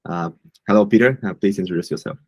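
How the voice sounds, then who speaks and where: Low-pitched male interviewer, polite, dry close mic. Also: quick pace, husky, no echo. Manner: polite, reads questions with hesitations. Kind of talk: scripted interview questions.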